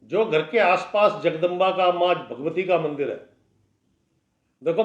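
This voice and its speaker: A man giving a daily horoscope as an astrologer, talking bluntly and warning listeners in a conversational, lecturing way. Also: sits high. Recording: echoey room, dull lo-fi sound.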